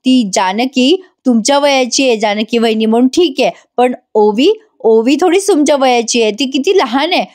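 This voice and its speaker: A woman's voice: on the high side, fairly even intonation, brisk, hardly any pauses, close to an everyday voice. Brief: indignant young husband, read by a woman, reproachful, questioning.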